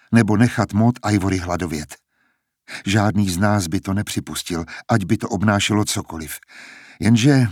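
A man's voice: on the low side, a little mellow, husky, dry recording, clean studio sound. A man voicing a defiant, blunt young woman in an audiobook reading. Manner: firm, blunt. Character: defiant young woman singer, sharp-tongued.

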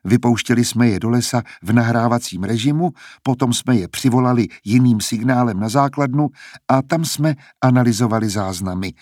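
A man's voice: medium pitch, a little mellow, no room sound, studio quality, close to an everyday voice. A man reading as a doting female scientist. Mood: explaining.

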